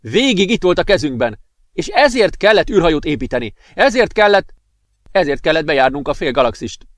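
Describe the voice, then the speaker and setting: A man voicing an earnest young male companion who explains things in a calm way. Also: on the high side, no room sound, studio quality, voice pushed up.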